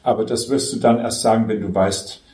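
A man's voice: on the low side, fairly even intonation, brisk, darkish tone. A man as a spiritual teacher, patiently explaining self-inquiry step by step in a spiritual dialogue. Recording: roomy echo.

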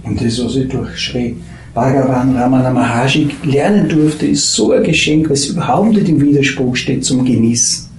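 Casual: guy rambling about spirituality, kinda gravelly, lots of trailing off, echoey room. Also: medium pitch, slight background noise. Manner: halting, searching for words, drifts from soft murmurs to animated bursts. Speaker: spiritual teacher. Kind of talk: meandering spiritual talk. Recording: echoey room with faint ambience.

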